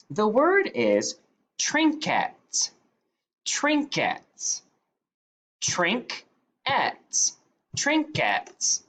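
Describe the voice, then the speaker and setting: Slow, patient low-voiced woman teacher. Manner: sounds out each word slowly, repeating it; clear, patient classroom delivery. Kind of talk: spelling dictation lesson.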